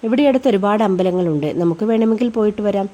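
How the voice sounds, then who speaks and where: Give me a woman playing a laid-back young college man in a storybook, mellow and warm. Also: mid-range voice, fast, natural voice. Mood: relaxed. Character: young male college student, easygoing younger brother.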